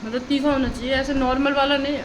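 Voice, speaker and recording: A woman's voice: high-pitched, flat delivery, quick pace. A woman chatting playfully with family at home. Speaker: family member. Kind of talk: casual chat. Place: home, indoors. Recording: very echoey room with noise.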